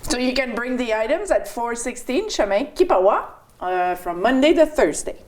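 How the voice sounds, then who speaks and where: A woman's voice: a little high, animated, normal speed, darkish tone, a little hiss or hum. A woman in her forties with a French Canadian accent, co-hosting community radio and reading local notices with chatty asides. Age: 40s. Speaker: radio co-host. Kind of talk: community radio announcements and banter.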